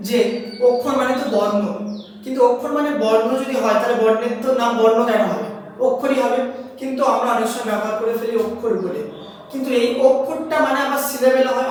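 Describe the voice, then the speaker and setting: A woman's voice: a little high, a little mellow, a little hiss or hum. A woman teacher with a Bengali accent explains step by step, asks her students questions and sounds out words syllable by syllable. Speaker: English grammar teacher. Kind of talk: classroom lesson. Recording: echoey hall, voice from a distance.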